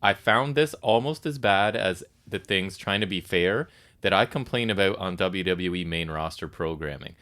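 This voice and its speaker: A man co-hosting a wrestling recap podcast, giving his opinions with dry, deadpan sarcasm. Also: sits low, normal speed. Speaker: podcast co-host. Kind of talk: casual wrestling recap chat.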